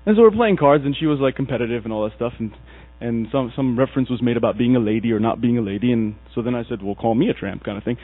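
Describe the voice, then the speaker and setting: Speaking fast with hardly any pauses, an Egyptian man of medium pitch preaches through stories, acting out their characters with animation. His husky voice sounds tinny and dry, as if over a phone, with a mains hum present.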